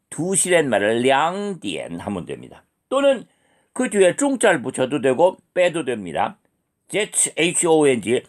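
Middle-aged male teacher, slow and deliberate, voice swoops up and down while drilling beginners. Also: fairly high pitch. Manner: models each sound slowly, then explains. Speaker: Chinese language teacher. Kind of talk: slow beginner language lesson.

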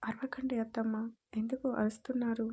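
A woman's voice: on the high side, little pitch movement, brisk, dark tone, slightly rough, highs cut off. Woman voicing a defiant, brazen young wife. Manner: blunt and cheeky.

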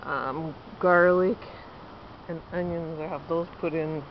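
Thirties woman, casual garden-tour vlogger, handheld outdoor camera with dull sound and steady background noise. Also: low-pitched, slow pace. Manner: chatty, pointing things out while walking. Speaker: home gardener. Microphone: handheld camera at arm's length.

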